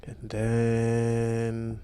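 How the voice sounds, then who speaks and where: Male podcast host, slow easygoing casual chat. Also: medium pitch, clean tone. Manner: relaxed, easygoing, trailing filler words.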